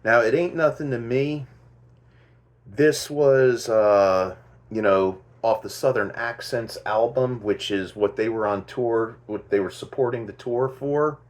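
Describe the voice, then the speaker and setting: A man's voice: mid-range voice, measured pace. A man hosting a casual music commentary, thinking aloud and stopping to correct himself as he goes. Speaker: host.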